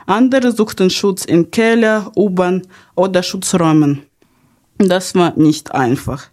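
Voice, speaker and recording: A woman's voice: on the low side, a little slow, darkish tone. Young woman hosting a podcast. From Ukraine. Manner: earnest, with small grammar slips. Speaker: podcast host. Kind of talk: podcast, partly read narration.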